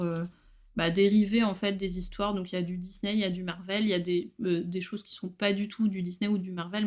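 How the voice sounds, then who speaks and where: A woman showing her new books in a casual vlog, chatty and relaxed, with frequent hesitations. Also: medium pitch. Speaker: book collector vlogger. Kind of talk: casual book haul chat.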